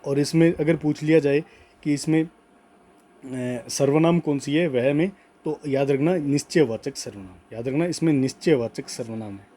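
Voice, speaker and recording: A man teaching a grammar class, slowly dictating notes and repeating key words, often checking in with "okay". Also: fairly high pitch, warm tone. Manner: slow emphatic dictation, repeats words, frequent "ठीक है".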